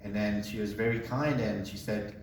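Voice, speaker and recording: A young man from Colombia giving a casual personal testimony, a relaxed storyteller who jokes as he talks. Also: lowish voice, normal speed, recorded from a distance, a little hiss or hum. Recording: echoey room, voice away from mic.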